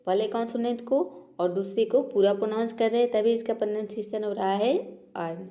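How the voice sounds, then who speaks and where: A woman's voice: on the high side, warm tone. A woman teaching a pronunciation lesson, explaining step by step and repeating each example patiently. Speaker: English teacher.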